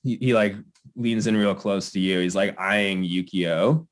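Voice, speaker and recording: A young man narrating as game master for a tabletop game. His voice is deep and his pace unhurried, with an easygoing, laughing manner.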